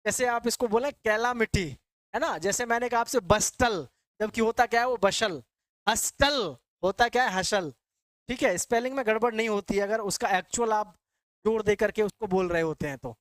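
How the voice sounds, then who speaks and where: A man's voice: high voice, fairly even intonation, fast talker, no room sound. A male English vocabulary teacher, giving a classroom lecture. He repeats each word and quizzes his students in a call-and-answer way, calling them "beta.". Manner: addresses students as "beta" and "bachche".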